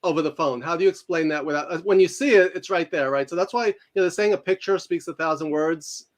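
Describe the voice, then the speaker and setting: Man, New York accent, quick talker, fairly high voice, easy laugh, video call guest. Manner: fast-talking, laughs easily, explains with examples. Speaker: guest author and communication teacher. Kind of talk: casual interview chat.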